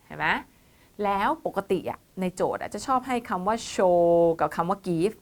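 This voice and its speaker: A woman's voice: on the low side, lively intonation, normal speed. A woman teaching an online English exam-prep lesson, mixing English terms into her explanations, patient and checking in often with her students. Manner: calls herself "teacher" and the students "child", mixes English terms into Thai. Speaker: IELTS tutor.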